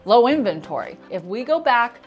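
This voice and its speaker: A woman with an American accent speaks in a fairly high voice, with a noticeable lisp that whistles on her s sounds. She delivers a scripted explainer as a realtor hosting her own video, over background music. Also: sing-song, normal speed, highs cut off.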